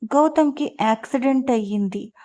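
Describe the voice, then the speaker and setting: A woman's voice: high-pitched, moderate pace, warm tone, close to an everyday voice. A woman reading the part of an anxious young man who asks direct, worried questions.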